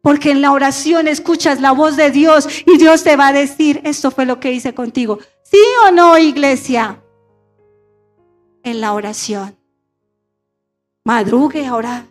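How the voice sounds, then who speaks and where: Preaching in a church sanctuary, a middle-aged woman pastor leads call-and-response, having the congregation repeat her phrases. She speaks high-pitched and a bit slowly, leaving long pauses, while soft music plays behind her.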